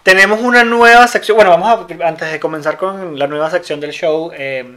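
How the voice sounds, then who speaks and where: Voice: medium pitch, moderate pace, sharp tone. A co-host on a casual chat show, easygoing, sometimes searching for words and echoing the other host.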